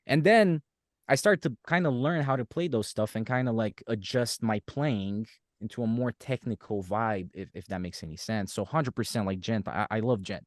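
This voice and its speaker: Animated Romanian-born man, dry sound. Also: fairly low pitch, moderate pace, dry recording. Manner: animated storyteller, acts out quotes. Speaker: podcast guest, musician. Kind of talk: casual chat.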